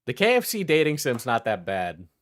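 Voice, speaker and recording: A man streams casual reaction commentary in a rambling, sweary way. His voice is mid-pitched, recorded close and dry with no room sound. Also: wildly swooping pitch, normal speed, no echo.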